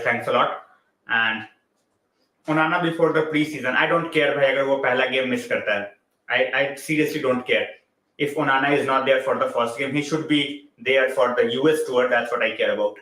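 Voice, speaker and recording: A man's voice: medium pitch, bright, forceful tone, roomy sound, low-quality recording. A man with an Indian English accent hosting a casual football live stream, chatting loosely, slipping into Hindi and greeting viewers by name.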